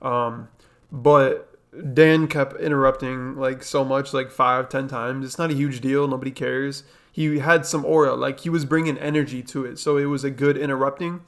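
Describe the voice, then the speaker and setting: Gravelly young guy chatting casually. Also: mid-range voice, fairly even intonation, moderate pace, fairly bright tone. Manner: chatty, repeats himself, lots of fillers. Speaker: reaction video host. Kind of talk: casual commentary.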